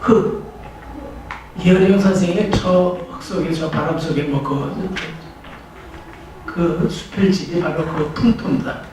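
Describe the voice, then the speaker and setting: A man's voice: a little high, fairly even intonation, measured pace, long pauses, recorded from a distance. An older man giving a public lecture as a professor, talking in a conversational way with restarts and rhetorical questions. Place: library training room. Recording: echoey room, voice from afar, noisy.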